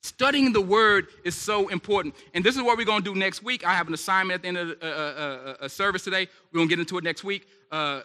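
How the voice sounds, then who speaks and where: A man preaching at a church service in an animated, conversational way, throwing questions out to the congregation. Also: high-pitched, fast, hardly any pauses. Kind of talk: sermon. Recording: echoey hall reverb.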